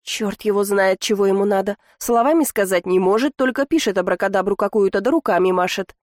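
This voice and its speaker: A woman's voice: medium pitch, a little fast, no echo, studio quality, close to an everyday voice. A woman reading the lines of two teasing young brothers, mocking and joking in an audiobook.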